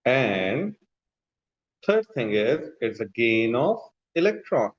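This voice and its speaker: A man's voice: medium pitch, sing-song, takes it slowly. A man with a Pakistani accent teaching a class in an instructive way, repeating key terms and often checking that students follow. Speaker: chemistry teacher. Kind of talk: classroom lecture mixing explanation and questions to students. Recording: dull, echoey room sound.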